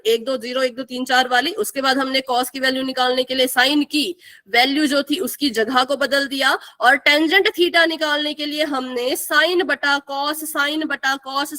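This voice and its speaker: A woman's voice: high-pitched, pushed and bright. A young woman teaching a live online math class, asking the students questions and repeating the key answers.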